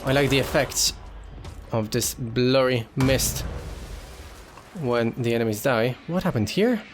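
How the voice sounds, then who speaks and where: A man's voice: mid-range voice, a little slow, slight background noise. A man giving casual gameplay commentary as a let's player, talking himself through the game and reading in-game text aloud.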